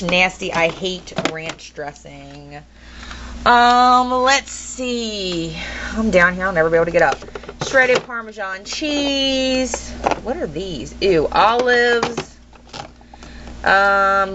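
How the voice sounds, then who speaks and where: A woman's voice: medium pitch, expressive, takes it slowly. A young woman giving a casual, rambling home tour, full of ums and blunt opinions. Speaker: vlogger. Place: kitchen at home. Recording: dull lo-fi home video with noise.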